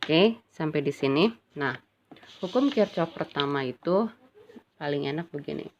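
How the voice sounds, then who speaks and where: A woman's voice: sits low, lively intonation, moderate pace. A woman physics teacher gives a casual classroom lecture, chatty and checking in with her students often. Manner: chatty, addresses students as "Nak", frequent "ya kan". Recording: dull lo-fi recording with faint ambient noise.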